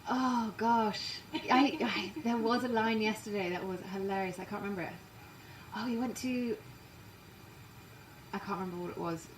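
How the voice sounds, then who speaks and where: A woman from England, partly raised in Canada, with an English accent, chatting quickly and self-deprecatingly as a musician being interviewed. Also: medium pitch, reverberant, recorded from a distance, a little hiss or hum, rough recording. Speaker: musician guest. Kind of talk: casual interview chat. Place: inside a parked trailer.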